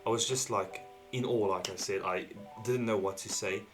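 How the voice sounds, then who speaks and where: A man hosting a casual, slangy reaction video, keeping his voice down quietly because it is late and others are asleep. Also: on the low side, steady tone, normal speed, music in the background. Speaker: YouTube host reacting to videos.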